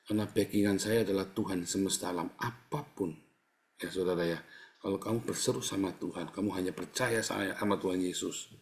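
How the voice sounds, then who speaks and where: Indonesian pastor preaching animated testimony. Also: male voice, a little fast. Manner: animated testimony, repeatedly addressing the congregation as brothers and sisters; swings between low quiet asides and loud raised exhortation. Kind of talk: sermon.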